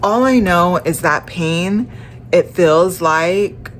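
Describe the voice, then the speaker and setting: In a casual personal vlog, a young woman talks slowly and tiredly in a low, stuffy, congested voice, halting and often restarting her sentences. There's slight background noise and a faint room ambience behind her.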